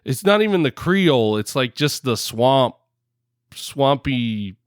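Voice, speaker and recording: A man's voice: medium pitch, animated, slow, smooth, dry recording. Male podcast co-host, chatty rambling storyteller, dry close mic. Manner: rambling, self-correcting storyteller. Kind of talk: casual chat. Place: home, separate from co-host.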